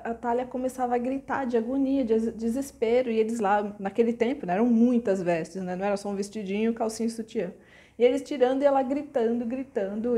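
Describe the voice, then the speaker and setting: A woman with a Brazilian Portuguese accent retells an old folk tale in a casual, chatty way and wanders off into asides. Her voice sits somewhat high, with a mellow, soft tone. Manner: chatty and digressive, with frequent asides. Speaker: storyteller.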